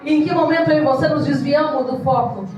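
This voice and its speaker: Woman pastor, passionate sermon, distant mic in a reverberant church, soft music under. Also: high voice, fairly even intonation, fast talker. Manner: impassioned, mimics congregants in quoted voices. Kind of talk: evangelical sermon. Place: church hall. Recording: echoey church hall from far off.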